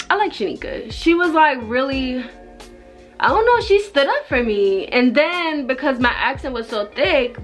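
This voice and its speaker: A young woman from Jamaica talks in a fairly high voice, telling a story casually to the camera. She rambles conversationally, dropping in plenty of filler "like" as she goes. Faint music plays behind her. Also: a bit bright. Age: young adult. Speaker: vlogger. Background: background music.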